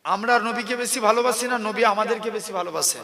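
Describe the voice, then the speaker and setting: A man's voice: high-pitched, fast talker, gravelly, pushed and bright, long reverb tail. A man preaching a sermon at a religious gathering, addressing the crowd in a rhythmic, chanting delivery.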